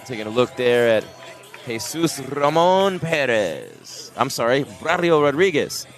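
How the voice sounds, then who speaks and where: A man's voice: mid-range voice, sing-song, measured pace. A man commentating on boxing in a conversational way, as one of the broadcast team.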